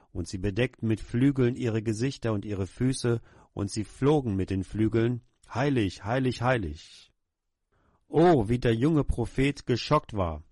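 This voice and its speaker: A man's voice: medium pitch, a little mellow, no echo, studio quality. Earnest man praying from the pulpit. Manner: earnest, humble, pleading prayer. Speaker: pastor. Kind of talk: sermon prayer.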